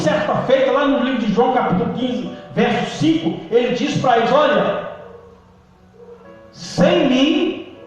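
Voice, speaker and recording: A male pastor preaching a sermon, calling out to the congregation and swinging between loud emphasis and quiet low lines. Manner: preaching with call-and-response, emphatic swings in pitch and volume. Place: church hall. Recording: distant echoey church hall recording, dull.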